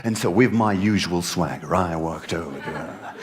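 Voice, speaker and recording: A man's voice: low-pitched, normal speed. A man giving a humorous contest speech on a conference stage, telling a comic story with big swings in his voice.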